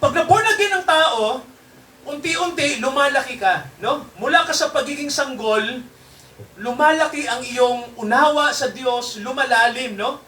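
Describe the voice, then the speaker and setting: A man's voice: very high voice, measured pace, bright, forceful tone, reverberant, recorded from a distance, slight background noise. A man preaching a sermon to his congregation in a mix of Tagalog and English, constantly checking in with tag questions. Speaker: pastor. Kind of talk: Taglish sermon.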